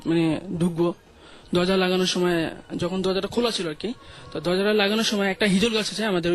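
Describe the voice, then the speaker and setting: Young Bangladeshi man, high-pitched guest storyteller, rushes and stumbles through a ghost story. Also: a bit bright. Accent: Bangladeshi Bengali. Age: young adult. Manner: hesitant, many fillers and restarts. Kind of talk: telling a true ghost story on a radio show.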